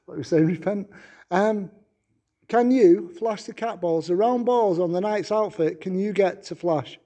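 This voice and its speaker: A man from Manchester politely asks a spirit to make itself known inside a stone castle room after dark, repeating "please" as he coaxes it during his paranormal investigation. His voice sits high and warm, and he talks a little slowly.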